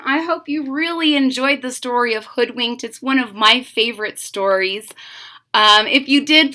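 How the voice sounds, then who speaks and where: This storybook-reading channel host brings a children's tale to life, pausing to chat and quiz her young audience. She sounds high-pitched and bright, with a forceful tone.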